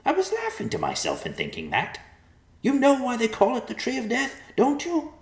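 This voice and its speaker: A sly male talking vulture, pitched way up into a thin, screechy register, teasing and boastful as he needles everyone around him. The storybook voice sits in an echoey room. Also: wildly swooping pitch, moderate pace, gravelly, full character voice. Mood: mocking.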